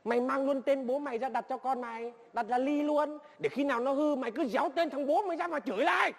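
A man's voice: extremely high pitch, fast talker, in a large hall. A man playing a stubborn, bossy grandfather who scolds and blusters at his son. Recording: clear background noise.

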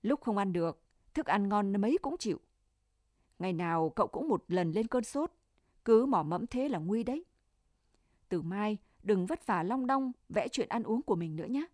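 A woman's voice: medium pitch, lively intonation, moderate pace, a little mellow, no room sound, studio quality, natural voice. A woman voicing a feverish, tender young male soldier in a storybook reading, speaking earnestly with concern.

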